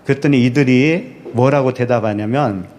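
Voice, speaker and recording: A man's voice: medium pitch, moderate pace, a little mellow. A man preaching a sermon as pastor. He asks the congregation rhetorical questions, answers them himself, and repeats key words for emphasis.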